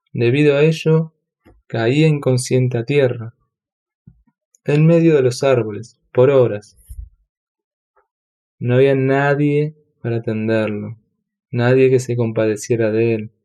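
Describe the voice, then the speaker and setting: A man narrating a devotional audiobook in a measured, solemn reading. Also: mid-range voice, fairly even intonation, mellow. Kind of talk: scripted narration.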